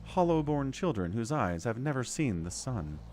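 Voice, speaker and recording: A man's voice: medium pitch, big pitch swings, normal speed, darkish tone, a little hiss or hum, natural voice. A man voicing a grave goddess from game text, reading her words aloud in a lofty, solemn way. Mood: lofty, consoling. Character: grave goddess speaking through birds, read aloud.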